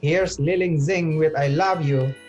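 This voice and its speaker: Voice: mid-range voice, measured pace, a little mellow, soft background music. A student host introducing the next act in a formal, scripted way.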